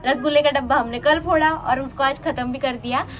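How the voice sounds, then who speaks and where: A young woman chatting fast in a casual home vlog, talking into a handheld phone. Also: high-pitched, fairly even intonation. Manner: chatty, mixes in English words. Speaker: vlogger. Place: at home, indoors and on a terrace.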